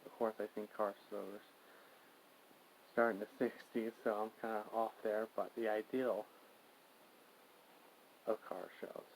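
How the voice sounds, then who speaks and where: A man with a fairly low voice hosts a loose, casual monologue. He speaks tentatively, wandering off and correcting himself. There is some faint noise on the recording. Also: little pitch movement, a little slow, pauses often. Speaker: host of a show of personal thoughts. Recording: clearly noisy background with clicks.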